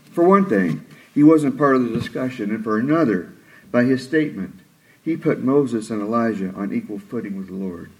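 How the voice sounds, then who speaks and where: A man preaching a sermon, retelling scripture expressively and acting out the quoted lines. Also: poor audio. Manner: expressive, acts out quoted lines with rising pitch and slowed delivery.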